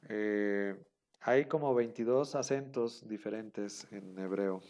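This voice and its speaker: A man's voice: fairly low pitch, slow, darkish tone, dull audio. A man explains a rule to his students, going over it again and again. He talks patiently, with plenty of fillers and small restarts. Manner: patient, repeats rules, many fillers. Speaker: Hebrew teacher. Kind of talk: online class explanation.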